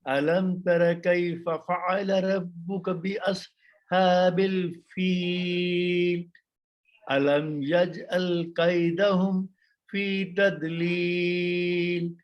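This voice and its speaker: A male student recites the Quran slowly in a measured, melodic style, his voice high and held steady in pitch. He joins over an online call with muffled audio. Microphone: online video call.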